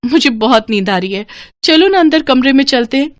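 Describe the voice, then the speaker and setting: A woman's voice: high voice, animated, brisk, no echo, clean studio sound, pitched above the performer's own voice. A woman doing a witch posing as a bride. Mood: coaxing. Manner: tearful, coaxing pleas. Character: young female witch posing as a frightened bride. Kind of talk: animated storybook voice acting.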